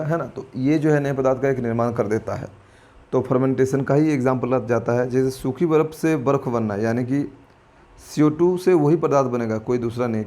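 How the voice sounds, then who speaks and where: A man's voice: medium pitch, warm tone. A man teaching exam-prep lessons, talking informally to viewers as friends, thinking aloud and correcting himself, and mixing in English terms. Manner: chatty and informal, addresses viewers as friends and brother; mixes in English terms while explaining. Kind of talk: exam-prep lesson walking through quiz questions.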